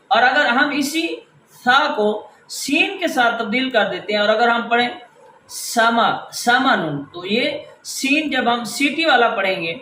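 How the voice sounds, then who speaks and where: A man's voice: high-pitched, sharp tone, a little hiss or hum. Man teaching Quran reading, echoey room. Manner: patient, explains step by step, repeats key words. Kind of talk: instructional lesson.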